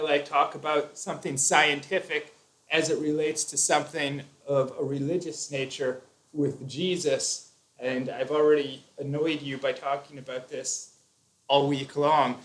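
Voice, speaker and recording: A man's voice: a little high, steady tone, moderate pace, a bit bright. A man hosting a casual live stream, explaining his views at length with fillers and restarts.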